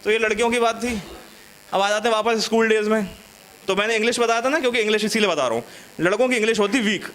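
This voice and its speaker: A man's voice: sits high, quick pace, a bit bright. A young man from India doing a stand-up comedy set, chatty and teasing the audience, acting out school stories. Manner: chatty, teasing the audience, acts out classroom scenes.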